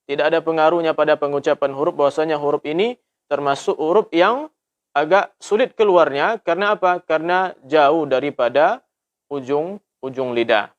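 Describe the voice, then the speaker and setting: An Indonesian man from a boarding school teaching Quran letter pronunciation, patient and repeating sounds slowly. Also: a little high, lo-fi sound. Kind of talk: tajwid lesson with drawn-out demonstrations.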